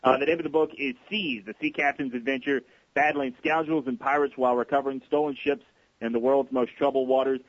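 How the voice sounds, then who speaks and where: A man's voice: mid-range voice, fairly even intonation, brisk, highs cut off. A male radio host asking questions in a plain, friendly manner. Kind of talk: radio interview.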